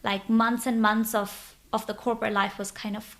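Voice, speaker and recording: Appearing as a podcast guest, a social media influencer from Bangladesh in her twenties shares her story bubbly and openly in a casual interview. Her voice is on the high side and a bit bright, with flat delivery at a moderate pace.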